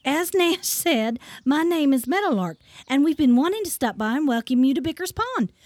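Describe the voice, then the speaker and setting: A woman voicing a gentle songbird in a storybook, high and lilting with a lively melody. She speaks with a calm, motherly composure. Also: moderate pace, dry recording. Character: calm, polite female meadowlark.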